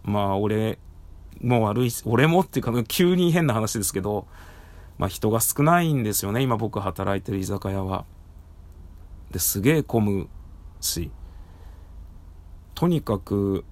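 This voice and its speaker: Hoarse man talking through a face mask. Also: fairly low pitch, a little mellow. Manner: speaking through a face mask, slightly muffled. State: hoarse, worn-out throat. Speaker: podcast host and live streamer. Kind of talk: casual solo talk. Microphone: recorded through a face mask.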